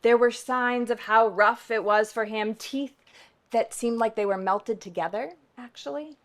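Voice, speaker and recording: A woman pastor telling a true story to a live audience, conversational and emphatic, often tagging "right?" and dropping to a hush for effect. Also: on the high side, measured pace.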